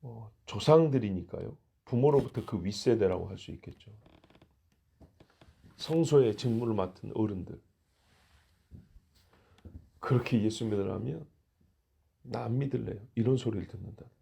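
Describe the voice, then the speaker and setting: A man's voice: lowish voice, normal speed, gravelly, pauses often, warm tone, husky. A male pastor giving an early-morning sermon in a conversational way, asking the congregation rhetorical questions. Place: church.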